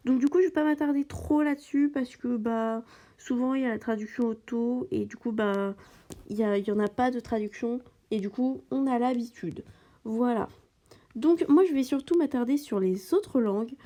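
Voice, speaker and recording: A woman's voice: a little high, mellow. A woman giving casual gameplay commentary, hesitant and full of fillers and restarts as she talks through the game. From French-speaking. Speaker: gaming channel host.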